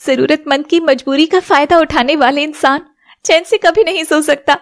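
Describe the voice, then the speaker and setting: A very high-pitched young wife. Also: female voice, moderate pace. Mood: guilt-ridden. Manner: soft, pleading, tearful. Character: long-suffering young wife. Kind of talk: animated serial voice acting.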